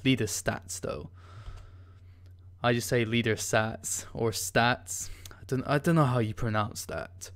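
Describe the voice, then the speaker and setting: Man, coding tutorial host, smooth clear voice, mid pitch, casual, hesitant, keyboard typing behind. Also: a little slow. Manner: casual, hesitant, many ums while typing. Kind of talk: screen-recorded coding tutorial.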